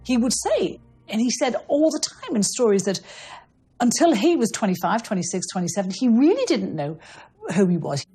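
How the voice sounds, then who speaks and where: A woman interviewed, speaking candidly in an animated way. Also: a little high, normal speed, husky. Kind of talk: interview commentary.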